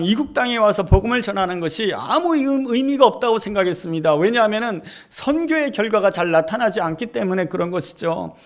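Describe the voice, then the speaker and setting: A man preaching a sermon as pastor in a church, telling a story emphatically and swelling to fervent peaks. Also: high voice. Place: church sanctuary.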